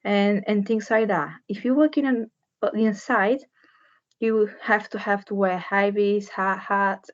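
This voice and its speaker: Young woman from Bulgaria, structural engineer, career talk, flat even delivery, dull lo-fi sound. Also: medium pitch. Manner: earnest, plain, with restarts and searching for words.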